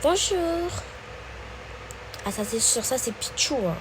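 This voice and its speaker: A woman hosting her own video, chatting casually to viewers in a slow, hesitant way with many fillers. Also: a little high, background noise. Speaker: channel host.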